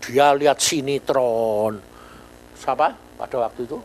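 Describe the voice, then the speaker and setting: A man's voice: medium pitch, unhurried, a little hiss or hum, rough recording. An older man preaching a sermon in with a lilt, telling stories animatedly and often asking the congregation questions. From Indonesia. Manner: animated storytelling, jumps to near-shouts, asks the congregation questions. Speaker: pastor.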